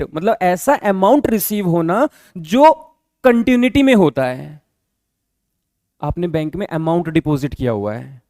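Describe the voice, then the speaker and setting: High-voiced man teaching accounting, dry sound. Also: mellow, no room sound. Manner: explains patiently, repeats key terms, quizzes listeners with checking questions. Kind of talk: classroom lecture.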